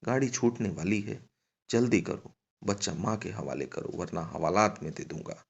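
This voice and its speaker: A stern railway constable barks firm, loud orders, as a storyteller acts him out in a deep, gravelly voice. The recording is muffled and lo-fi. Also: male voice, animated, moderate pace, heavily acted. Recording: dull lo-fi recording.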